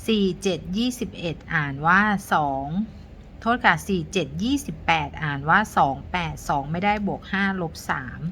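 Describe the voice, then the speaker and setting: A middle-aged woman teaching a math lesson to young pupils, counting each step aloud in a patient, polite way. Her voice sits a little low yet sounds bright and forceful. A faint steady hiss runs under the recording.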